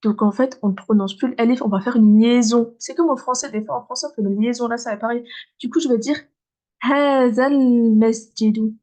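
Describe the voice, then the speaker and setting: A woman teaching beginners to read Arabic, patiently repeating words slowly and checking in with "ok?". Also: fairly high pitch, a little mellow. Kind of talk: beginner lesson.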